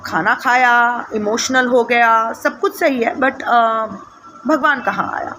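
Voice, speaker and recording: A woman tarot reader telling a story in an animated way, with many fillers. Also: on the high side, slow pace, a little hiss or hum, rough recording. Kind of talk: storytelling monologue.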